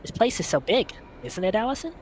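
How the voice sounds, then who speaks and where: A man voicing an upbeat, excitable young woman heroine while reading a visual novel aloud, playful and tripping over words. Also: on the high side, fairly quick, a little hiss or hum, natural voice. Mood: excited.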